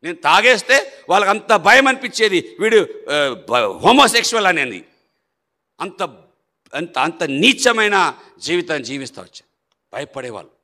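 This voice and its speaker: A middle-aged man tells his conversion testimony with a bright, forceful voice. He speaks emphatically, his voice swinging from loud bursts down to low, quiet asides. His voice rings with the long echo of a hall. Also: very animated, moderate pace, long pauses. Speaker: church member giving his testimony. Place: prayer hall. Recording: echoey hall.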